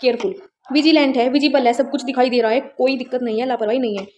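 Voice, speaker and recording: A woman teaches an exam-prep vocabulary lesson, using memory tricks to explain words and frequently checking that her students are following. She speaks fast at a high pitch with fairly even intonation and a slightly mellow voice. The recording sounds dull and lo-fi, with slight background noise.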